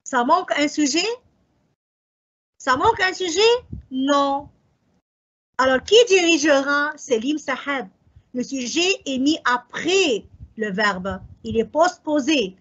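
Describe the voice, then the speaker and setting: A woman teaching a French grammar revision lesson, working through exam choices slowly and answering her own questions. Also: high voice, animated, a bit bright, highs cut off.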